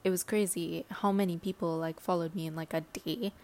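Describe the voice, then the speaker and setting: On her solo podcast, a woman with a lowish voice talks fairly quickly. She's excitable and prone to giggling, rambling along with plenty of fillers.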